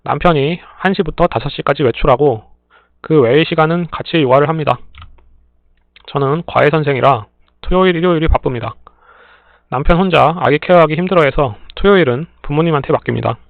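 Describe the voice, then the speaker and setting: A man reading listener stories aloud in a plain, steady way, adding brief dry remarks between them. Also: fairly high pitch, brisk, creaky, no room sound. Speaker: story reader and channel host. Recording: tinny phone-like dry sound.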